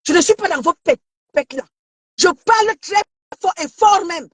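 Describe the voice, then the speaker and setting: A woman from Cameroon ranting to her online followers, confrontational, shouting and taunting, stammering and repeating herself. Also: very high-pitched, animated, normal speed, no room sound. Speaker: social media commentator. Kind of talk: heated live rant.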